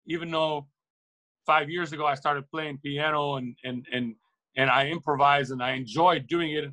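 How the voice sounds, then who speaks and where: Through poor audio comes a slightly high, bright, forceful male voice. It belongs to a middle-aged Lebanese record shop owner being interviewed, who reflects earnestly and shares opinions, frequently rephrasing and repeating himself for emphasis.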